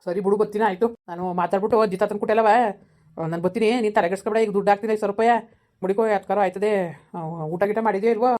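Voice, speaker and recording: ; a woman plays a blunt, scolding elder brother, dark tone, rapid speech. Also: mid-range voice, steady tone, close to an everyday voice. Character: stern, resentful elder brother, grudgingly helpful. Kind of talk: amateur village drama.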